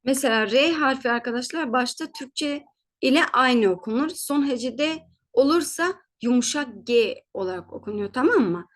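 Speaking in a high, expressive voice, a woman walks learners through German pronunciation with patience. She says each word slowly, checks in regularly, and catches and fixes her own errors.

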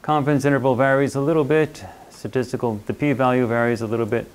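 A man lecturing a university class at a middle pitch, in a loose, conversational way. He keeps checking in with his listeners and playfully slips into little quoted voices to make a point. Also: fairly even intonation, fast, smooth. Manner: conversational, checks in with students often.

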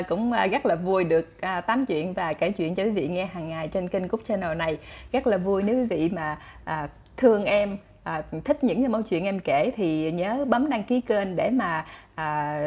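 A woman with a Southern Vietnamese accent, chatty and animated, telling folk stories to her listeners as a channel host. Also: medium pitch. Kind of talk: casual folk storytelling.

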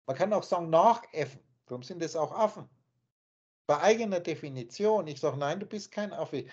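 A man's voice: on the high side, expressive, a little fast, darkish tone. A man teaching in an emphatic, scornful lecturing manner, speaking over a video call. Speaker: spiritual teacher. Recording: dull lo-fi online call audio.

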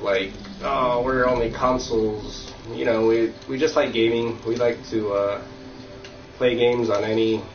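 Streaming a game from his room at home, a sniffly young man with a cold rambles easily through his live-stream chat, his talk full of fillers. His voice is medium in pitch, captured by a dull, lo-fi mic that sounds distant and roomy.

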